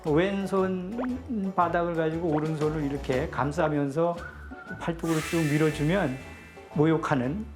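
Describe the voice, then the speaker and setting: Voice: medium pitch, moderate pace. A speaker explaining a hand gesture step by step. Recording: music behind voice.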